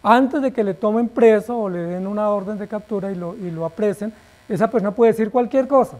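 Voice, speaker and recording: A male pastor preaching a sermon emphatically, asking rhetorical questions and letting his phrase endings fall quiet. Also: high voice, a little fast.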